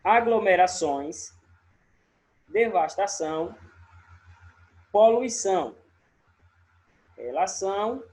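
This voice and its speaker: Slow, high-voiced Brazilian teacher. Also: male voice, lively intonation, a little mellow. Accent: Sergipe Brazilian. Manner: explains step by step, keeps checking with "certo?". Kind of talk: recorded remote lesson.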